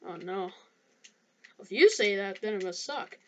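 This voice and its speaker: A woman's voice: mid-range voice, lively intonation, a little slow, muffled recording. A young woman casually chatting while playing a game, hesitant and restarting her sentences. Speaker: gaming youtuber. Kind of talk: casual gameplay chat.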